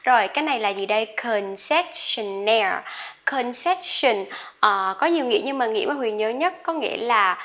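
A woman teaching English pronunciation, stretching out each example word slowly and chatting quickly in between. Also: a little high, animated, fairly bright tone. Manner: drawn-out slow modeling of each word, quick chatty asides. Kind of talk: pronunciation lesson.

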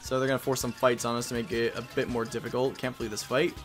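A man's voice: mid-range voice, little pitch movement, fast. Casual young man over faint game music. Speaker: game commentator. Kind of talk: casual rambling let's play commentary. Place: voice-over recorded over game audio.

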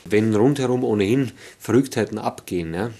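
A man's voice: on the low side, fairly quick, dark tone. A middle-aged man talking in a behind-the-scenes interview, thoughtful and hesitant, with many fillers. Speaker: actor in an interview. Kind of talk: making-of interview. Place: dressing room with mirror lights.

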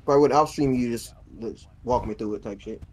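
A man's voice: mid-range voice, fast talker, a little mellow, breathy edge. A man streaming a game who talks casually to his viewers in slangy, upbeat speech. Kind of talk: casual gaming voice chat.

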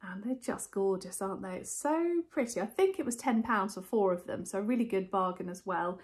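A woman's voice: mid-range voice, brisk. A woman in her forties, from England, chatting in a casual vlog and gushing over what she shows, filmed on a phone at arm's length. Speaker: vlogger. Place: indoors at home, in a car, walking through a rental house. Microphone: phone camera held at arm's length.

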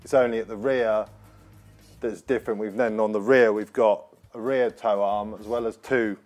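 Casual mechanic, lower voice, workshop explainer, light music bed. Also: male voice, steady tone, moderate pace, a little mellow. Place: car workshop indoors.

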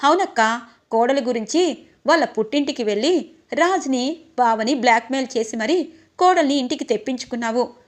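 Brief: woman narrator voicing a furious, insistent mother, fairly high voice. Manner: emotional, insistent. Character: angry mother demanding her son's share.

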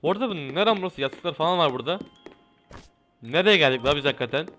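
A man hosting a let's play, excitable and yelling as he runs from danger, his throat sore from the shouting. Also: on the high side, fast. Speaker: gaming channel host. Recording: game music playing loud behind.

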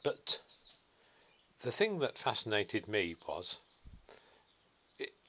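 A man talks alone to his audience in a reflective vlog monologue, thinking things through as he goes. His voice sits a little low but has a bright, forceful edge. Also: very animated, takes it slowly, slight background noise. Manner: musing, thoughtful. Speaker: vlogger.

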